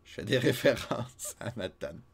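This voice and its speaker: A man with a Québécois accent chatting casually while streaming a game, self-mocking and quick to laugh, a little stuffy from a cold. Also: fairly low pitch, expressive, creaky, slightly rough. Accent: Québécois French.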